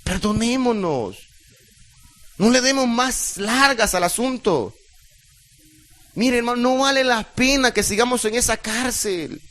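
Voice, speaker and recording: A man's voice: very high voice, expressive, a little slow, pauses often, fairly bright tone. A middle-aged man preaching a sermon as pastor, emotional and emphatic, speaking straight to his congregation.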